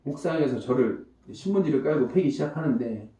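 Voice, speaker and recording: A comedian giving an emotional testimony in church, telling his story in an animated way and acting out the voices of the people in it. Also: medium pitch, a little fast, recorded from a distance. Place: church hall before a congregation. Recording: echoey church hall, mic from afar.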